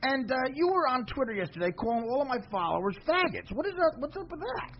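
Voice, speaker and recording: A man's voice: extremely high pitch, big pitch swings, fast talker, gravelly, lo-fi sound, a little hiss or hum. A man hosting a podcast, teasing his guest in casual chat and laughing often. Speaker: podcast host.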